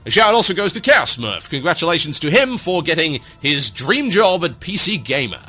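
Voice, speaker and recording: A man hosting an online radio show, rattling off listener shout-outs with dry sarcasm and mock grandeur. His voice is fairly high and bright, and it swings widely up and down in pitch. Soft music plays underneath. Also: sing-song, moderate pace.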